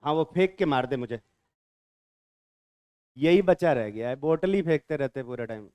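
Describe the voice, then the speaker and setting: A man's voice: medium pitch, animated, normal speed, a little mellow, clean tone, no room sound. A male chemistry teacher, lecturing a class in a bantering way, quizzing students and answering his own questions.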